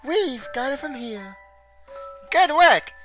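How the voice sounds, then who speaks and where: A loud, overexcited young man, as a streamer puts him on calls out in a high, lively voice. Soft chime music runs in the background. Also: takes it slowly, full character voice. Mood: excited. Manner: shouty, overexcited. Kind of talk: visual novel voice reading.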